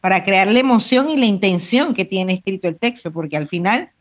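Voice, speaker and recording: A woman, co-hosting a podcast, expressive and thinking aloud. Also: medium pitch, brisk. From Venezuela. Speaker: podcast co-host, trained actress. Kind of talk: casual podcast chat. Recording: dull lo-fi audio.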